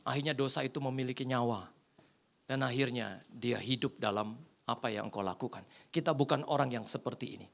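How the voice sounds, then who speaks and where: A man preaching in a church, mid-pitched and conversational. He tells a comic story, slipping into the voices of the people in it before turning back to his sermon. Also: brisk, creaky. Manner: animated, acts out the voices in his anecdotes. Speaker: pastor.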